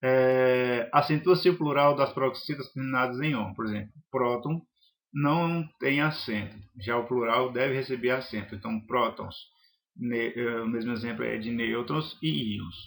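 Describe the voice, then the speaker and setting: A man's voice: medium pitch, moderate pace, gravelly. A man teaching a grammar lesson, listing examples one by one in a methodical way with some hesitations.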